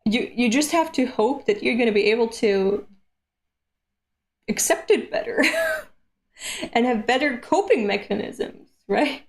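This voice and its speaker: A woman's voice: fairly high pitch, lively intonation, a little slow, long pauses. A woman in her late twenties chatting casually on a live stream between comic readings, candid and self-deprecating, with casual swearing. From Europe. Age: late 20s.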